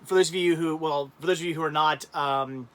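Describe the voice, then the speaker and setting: Thirties male co-host, slightly high voice, loose and giggly, lots of restarts. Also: steady tone, fairly quick, a bit bright. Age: 30s. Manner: rambling, laughs often, many restarts. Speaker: livestream co-host. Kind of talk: casual chat.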